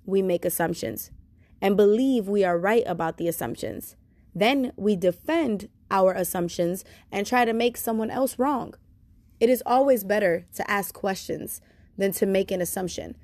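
A woman reading a self-help book chapter aloud in a steady, measured way. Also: mid-range voice, dry recording. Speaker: reader.

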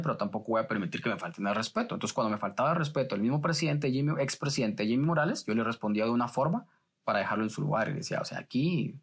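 Man, journalist, interview storytelling, acts out quotes, mid-pitched voice. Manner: lively retelling that acts out quoted exchanges. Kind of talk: telling stories in a casual interview.

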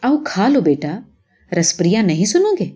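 An old male village drummer from a storybook tale, proud and quick to take offence, as a woman reader puts him on. He turns from gentle coaxing to sharp anger, with a lively, swooping melody in a mellow, darker tone. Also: mid-range voice, husky.

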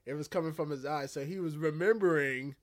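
A man's voice: on the high side, fairly quick, no room sound, clean studio sound. A man co-hosting a casual movie chat, chiming in with jokes and laughing often. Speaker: podcast co-host.

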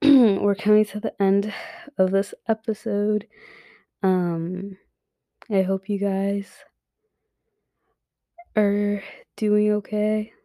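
A young woman hosts a podcast, giving frank advice in a casual monologue packed with fillers and swearing; she is losing her voice, so it sounds worn and sometimes drops to a whisper. Her medium-pitched, mellow voice is flat and very slow, with frequent pauses. The audio is clean studio sound with no room sound.

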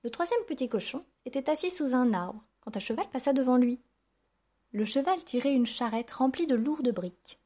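A woman reading a children's fairy tale aloud in a gentle, even storytelling manner. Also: sits high, moderate pace.

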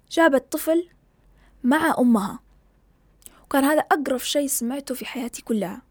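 Rapid-fire young woman ranting. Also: sits high, dry recording, studio quality. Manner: impassioned, ranting, mixes in English words. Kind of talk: casual opinion monologue.

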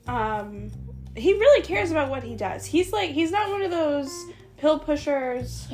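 A woman's voice: high-pitched, animated, unhurried, darkish tone, soft background music. A woman co-hosting a casual podcast chat, telling work stories and laughing often. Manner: laughs often, storytelling with quoted voices. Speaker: podcast co-host.

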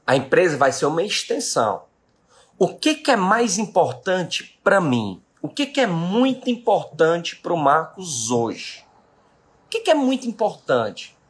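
This is a Brazilian man in his late thirties, a business owner, giving his live-stream audience a forceful motivational talk in which he repeats key questions. His high-pitched, slightly rough voice swings widely in pitch, and he speaks a little slowly.

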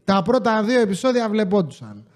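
A man's voice: high voice, big pitch swings, darkish tone, big-room sound. A man hosting a podcast, ranting in a casual, sarcastic way and swearing often. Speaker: podcast host. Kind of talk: casual comedic rant.

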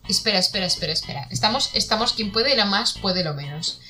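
Bright-voiced playful woman. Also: mid-range voice, lively intonation, fast talker, soft background music. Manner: playful, imaginative, laughs often. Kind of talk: casual chat.

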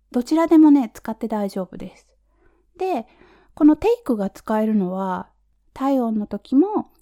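A young woman nurse in her twenties giving a casual vocabulary lesson, chatty and relaxed, repeating terms slowly and letting phrase ends trail off softly. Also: a little high. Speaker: nurse teaching medical English.

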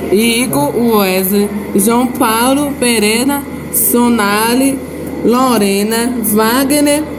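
Through loud background noise comes a Brazilian woman narrating a radio serial. Her voice sits fairly high, and she reads the script aloud in halting phrases, like an announcer. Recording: very noisy amateur recording.

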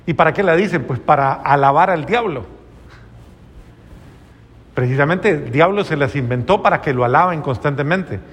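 A man's voice: on the high side, lively intonation, moderate pace, pauses often, long reverb tail. A man, a priest, delivering an earnest, moralizing sermon full of rhetorical questions.

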